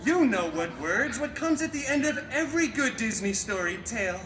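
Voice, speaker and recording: At a live comedy show, a theme park performer plays a wisecracking, flamboyant adult male superhero who tells stories. His very high voice is very animated at a normal speed, and his delivery is chatty, theatrical, sarcastic and sardonic. The live show is amplified, echoey and backed by music.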